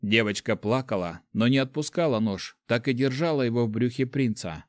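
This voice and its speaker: Male audiobook narrator, mid-pitched, measured delivery, dry close recording. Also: dry recording. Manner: steady, measured storytelling. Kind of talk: scripted narration.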